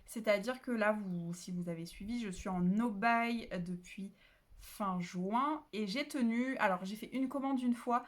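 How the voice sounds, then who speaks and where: A woman's voice: mid-range voice, a little slow. A woman talks casually about books into her phone at home. She rambles, stops herself with fillers and corrects her own numbers as she goes. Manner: chatty, rambling, many fillers and self-corrections. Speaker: book vlogger. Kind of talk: casual chat.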